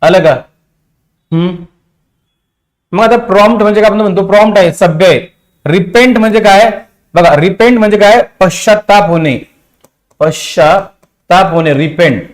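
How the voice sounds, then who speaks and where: A man's voice: high-pitched, moderate pace. A male teacher with a Marathi accent giving an exam-prep vocabulary lecture, repeating meanings and quizzing his class. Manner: repetitive, drilling meanings and asking the class.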